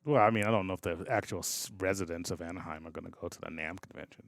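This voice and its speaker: A man's voice: low-pitched, quick pace, creaky, no room sound, clean studio sound. A man co-hosting a podcast in casual chat, rambling and laughing often, trailing off mid-thought. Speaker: podcast co-host.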